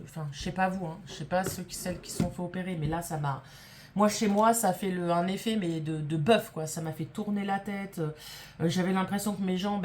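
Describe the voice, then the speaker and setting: A woman's voice: on the low side, a little mellow, slight background noise. A woman vlogger telling a story to camera in a casual way. She is emphatic and indignant, swears freely, and acts out the people she quotes.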